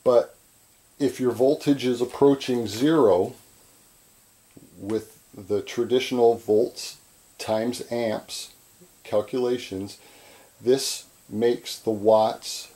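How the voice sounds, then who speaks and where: A man giving an informal chalkboard lecture as an instructor, halting and repetitive, often checking in with "right?". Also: lowish voice, steady tone, mellow, low-quality recording. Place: indoors at a chalkboard.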